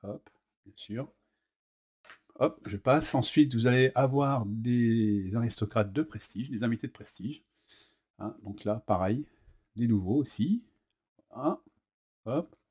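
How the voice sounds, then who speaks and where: French-accented man, casual board game demo host, chatty, halting delivery with lots of fillers, mid-pitched. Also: darkish tone. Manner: chatty, says "hop" as he flips cards; hesitant, many fillers. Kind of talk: casual unboxing and rules demo.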